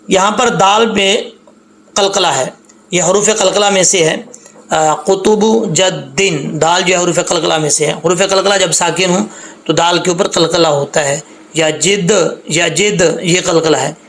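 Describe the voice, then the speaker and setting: High, gravelly-voiced man teaching recitation. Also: fairly bright tone. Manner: spells out letters and drags out sounds in slow demonstration; patient, corrects common mistakes. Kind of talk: step-by-step recitation lesson.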